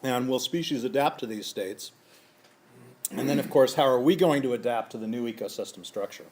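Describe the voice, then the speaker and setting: A scientist giving a lecture, a man whose voice is going hoarse and who keeps clearing his throat as he works methodically through a series of questions. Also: mid-range voice, a little fast, darkish tone, a little hiss or hum. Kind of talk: conference lecture.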